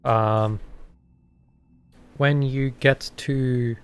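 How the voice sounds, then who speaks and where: A man casually narrating a tabletop game as game master, pausing often to think. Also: mid-range voice, steady tone, clear, resonant tone.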